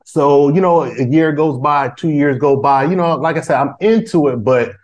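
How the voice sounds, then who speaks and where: A man in his forties, a guest on a podcast, talks casually in a somewhat high, darkish voice at an ordinary speed. He rambles, restarting often, leaning on fillers and dropping street slang.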